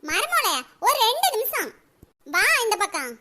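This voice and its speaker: A woman voicing an older village mother-in-law in a comedy cartoon, with a Kanyakumari Tamil accent and a shrill, squeaky voice. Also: big pitch swings, unhurried, noisy background, heavily acted. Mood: coaxing. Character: scheming old mother-in-law turned loving, village woman.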